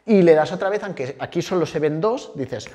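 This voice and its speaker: A man gives a casual lesson straight to camera. His voice sits fairly high and he talks in a playful, lively way, sometimes jumping up to an excited pitch. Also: brisk. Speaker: host and language teacher.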